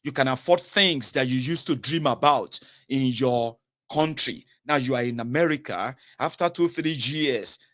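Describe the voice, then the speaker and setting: Talking directly to the viewer, this thirties-aged Nigerian man, with a southern accent, offers emphatic political commentary laced with pidgin and pointed questions. He speaks a little slowly in a medium-pitched, fairly bright voice.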